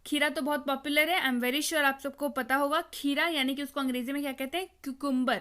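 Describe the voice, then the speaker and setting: A woman's voice: high-pitched, fairly even intonation, fairly quick, pushed and bright. A woman teaching vocabulary in a video lesson, explaining patiently, repeating words and quizzing the viewer. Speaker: English teacher.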